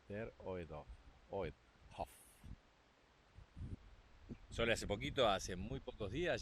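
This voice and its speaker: This lowish male voice, recorded at low quality with slight background noise, belongs to an Argentine father and vlogger. Walking a rural trail outdoors with his family, he narrates the trip in upbeat, chatty Argentine Spanish and encourages his little boy.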